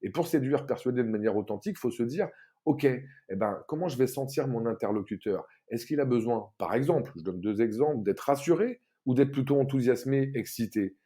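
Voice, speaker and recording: A man, a sales trainer talking as a podcast guest, telling an anecdote in an animated way with many fillers. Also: medium pitch, a little fast, slightly rough. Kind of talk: casual explanatory talk.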